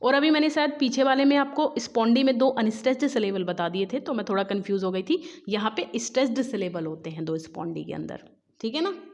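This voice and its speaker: Fairly high-pitched woman teaching, quizzing. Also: lively intonation, darkish tone. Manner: quizzing, repeats answers, reads questions slowly. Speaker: English exam teacher. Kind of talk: Hindi-English exam lesson.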